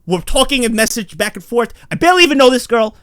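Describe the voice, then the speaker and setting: A young man tells a wild personal story with lively, stammering energy, his pitch swinging high and low. His voice is bright and forceful. It is recorded dry and close, with no room sound. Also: quick pace, no echo. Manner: animated, stammering, acts out voices. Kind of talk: casual comedic storytelling.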